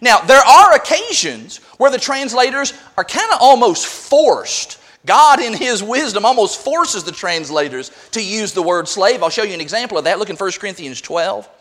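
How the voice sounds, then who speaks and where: Lively high-voiced preacher. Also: male voice, normal speed, hardly any pauses. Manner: animated preaching, asks the congregation questions. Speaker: pastor. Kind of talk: sermon.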